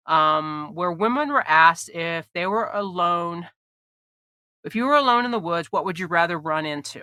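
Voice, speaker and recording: This podcast host is a woman with a lowish voice that sounds pushed and bright, recorded without echo. Her allergies leave her a bit congested, and her casual chat is full of laughs, ums, and restarts.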